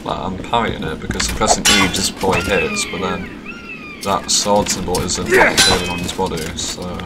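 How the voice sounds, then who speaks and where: A man's voice: deep voice, wildly swooping pitch, moderate pace, loud music behind the voice. A man streaming a game with casual, slangy commentary, reading bits aloud, who cannot say his r's and sounds them like w. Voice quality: cannot pronounce r, says w for r. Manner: slangy, reads on-screen text aloud between remarks. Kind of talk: casual live gameplay commentary. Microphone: streaming microphone with adjustable gain. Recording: loud background noise.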